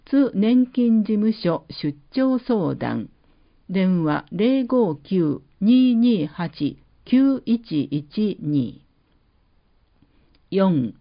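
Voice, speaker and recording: A woman announcer reading public-service notices, with slow, measured, carefully enunciated list reading. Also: mid-range voice. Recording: dull lo-fi recording.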